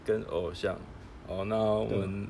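A man's voice: fairly low pitch, steady tone, unhurried, gravelly, crowd noise. A man with a Taiwanese accent co-hosting a casual chat, often stammering and repeating his words. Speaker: podcast co-host.

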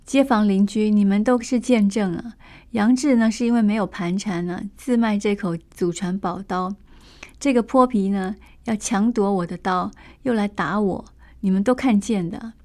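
A proud male swordsman from an old tale, measured and reasoning, holding back his temper, as a woman storyteller voices him. He speaks at an ordinary mid pitch with firm, level delivery. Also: darkish tone, lightly acted. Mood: resolute. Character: proud male swordsman, restrained then angry.

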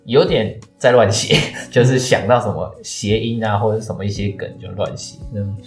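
A man's voice: on the low side, normal speed, faint music behind. A young man, chatting casually and explaining things at length with hesitant fillers. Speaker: podcast co-host, student. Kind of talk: casual chat.

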